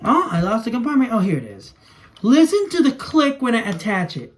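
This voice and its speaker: A toy video creator, a young man with a very high, wildly swooping voice, talks briskly through a hands-on demo in a small room at home. He casually narrates what he's doing with the toys, over a noisy home recording with clicks.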